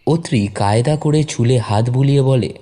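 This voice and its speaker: A man reading a story aloud in a measured, expressive narration. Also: mid-range voice. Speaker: story reader. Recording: narration over background music.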